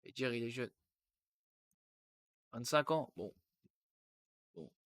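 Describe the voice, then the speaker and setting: Hosting a casual football stream, a man over twenty-five from the Yonne in France reads aloud, interrupting himself mid-sentence and cracking jokes along the way. He speaks slowly in a medium-pitched, fairly bright voice.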